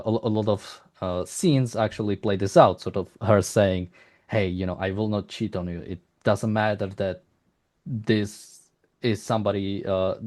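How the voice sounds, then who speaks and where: A man with a fairly low, darkish voice conducts an unscripted interview, asking long, exploratory questions. He sounds hesitant and halting, rambling and often restarting his sentences.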